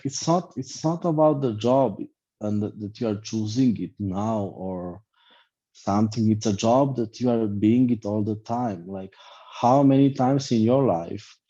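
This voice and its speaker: A man's voice: on the low side, warm tone, highs cut off. A man with a loose, blunt manner, filler-heavy and repetitive, giving an online class as a life coach over a video call.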